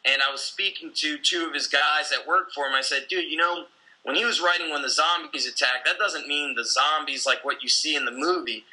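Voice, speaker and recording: A man in his forties talks in a casual conversation with an intense, blunt drive, swearing as he goes. His voice is strikingly bright and sits a little high. He sounds like a coach who runs his own gym. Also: fairly quick, low-quality recording.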